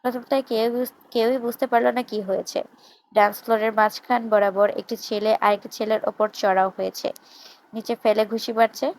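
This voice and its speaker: A woman narrating a romantic novel chapter in a steady, expressive storytelling voice. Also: a little high, moderate pace, rough recording. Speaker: story reader.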